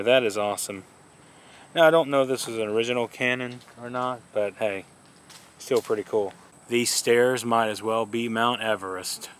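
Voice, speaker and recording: A vlogger casually narrates a travel vlog outdoors while touring a riverside walk, sounding easygoing and enthusiastic. His medium-pitched voice is a bit bright, and there is a little hiss or hum.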